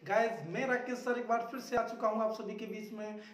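A man teaching English pronunciation in an energetic lesson, drilling words loudly and repeating them so viewers say them along. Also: very high voice, fairly quick. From India. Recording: very echoey room, mic far off.

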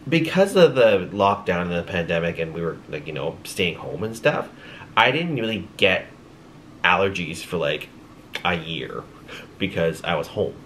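A young male vlogger chats casually to his camera in a small home room at night. His voice is low, and he sounds congested and tired, rambling with light laughs and many ums. Slight background noise is audible.

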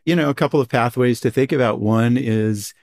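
A man's voice: mid-range voice, brisk, a little mellow. A man, a psychologist guest on a podcast, explaining research enthusiastically in a conversational way. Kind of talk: conversational interview.

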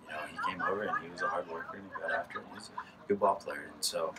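A baseball coach in his thirties with a very low voice talks loosely in a postgame interview, restarting his sentences often. He sits in a press box over a night field. The mic sits some way off and a steady noise runs behind him. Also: fast. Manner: casual, rambling with restarts and laughs. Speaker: high school baseball coach. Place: press box above a lit ballfield at night. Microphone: headset mic. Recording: distant mic with background noise.

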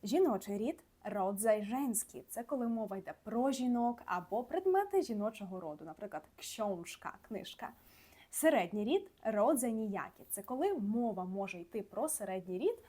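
A woman teaching a scripted grammar lesson, slowing down to enunciate each example word carefully. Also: a little high, warm tone. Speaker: language teacher.

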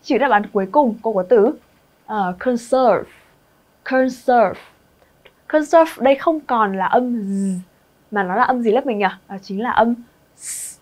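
Lively Vietnamese woman teaching English. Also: on the high side, moderate pace. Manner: lively, asks the class questions and repeats words for students. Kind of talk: online exam review lesson.

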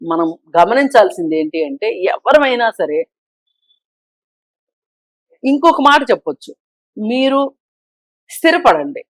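A woman guest on a talk show, giving her opinions forcefully and pressing her point with rhetorical questions. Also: a little high, big pitch swings, measured pace, pauses often, dry recording. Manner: emphatic, argues with rhetorical questions. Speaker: social commentator guest.

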